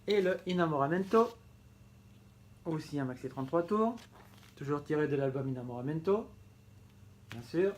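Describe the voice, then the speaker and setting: A man with a slightly high voice walks through his record collection in a relaxed home-video manner. He talks with eager affection, repeating words and stopping to correct himself. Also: normal speed, long pauses. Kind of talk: casual show-and-tell vlog.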